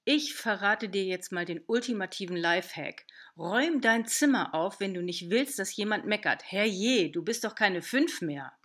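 A woman's voice: mid-range voice, lively intonation, moderate pace, few pauses, fairly bright tone. A woman voicing a stern, blunt aunt. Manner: firm, lecturing, blunt. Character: stern, outspoken middle-aged aunt. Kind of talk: audiobook character voice.

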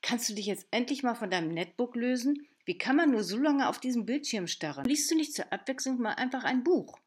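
A woman's voice: fairly high pitch, lively intonation, fairly quick, slightly rough, voice pushed up. A woman reading an audiobook, voicing a fussy mother who nags reproachfully. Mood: nagging. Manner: reproachful, nagging. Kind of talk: audiobook character voice.

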